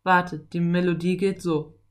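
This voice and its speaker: A woman's voice: lowish voice, little pitch movement, moderate pace, close to an everyday voice. A woman voicing a friendly adult male cowboy, telling a campfire ghost story in an easygoing way. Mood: storytelling. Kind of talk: audiobook character reading.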